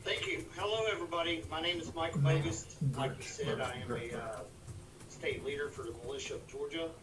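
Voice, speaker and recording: A man gives an earnest, halting debate opening statement as a candidate over a video call, his voice cutting in and out on a bad internet connection. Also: on the high side, a crowd in the background. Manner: halting, earnest, plain-spoken. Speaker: congressional candidate. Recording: echoey, distant, noisy call audio.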